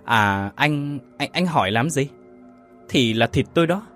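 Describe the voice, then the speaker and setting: A man's voice: medium pitch, animated, measured pace, fairly bright tone, faint music behind. A man voicing a bashful young female ghost in a horror story, who speaks shyly and snaps back. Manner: bashful, then snapping. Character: shy young female ghost, sulky and gentle.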